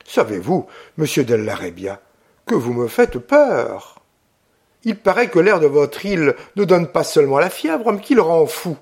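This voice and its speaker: A man's voice: on the high side, big pitch swings, a little slow, darkish tone, breathy edge, full character voice. A man reading an audiobook, voicing a witty, teasing young English lady with a playful, lightly mocking manner.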